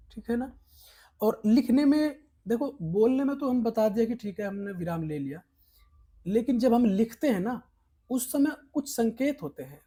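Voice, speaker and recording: A man from India teaches an exam prep lesson in a dark, mellow voice with a husky edge. He talks emphatically, coaxing his students along and repeating each point. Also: sits high.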